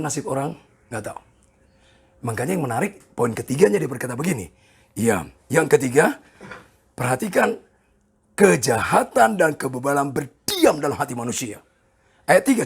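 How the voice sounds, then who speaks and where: A pastor in his sixties preaching a sermon, animated and joking with the congregation, with a gravelly, husky voice. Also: medium pitch, a little fast, long pauses. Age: 60s. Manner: animated, jokes with the congregation, voices people in quoted asides.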